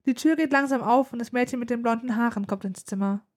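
A woman narrating a story in a calm, even storytelling manner. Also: on the high side, fast talker. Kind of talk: audiobook narration.

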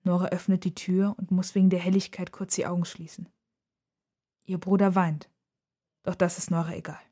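Calm woman narrating a story. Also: lowish voice, moderate pace.

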